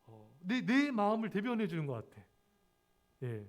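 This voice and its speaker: A man's voice: sits high, very animated, moderate pace. A man preaching a sermon as pastor, earnest and repetitive, often calling out to his congregation. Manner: earnest, repeats key words, addresses congregation often. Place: church sanctuary.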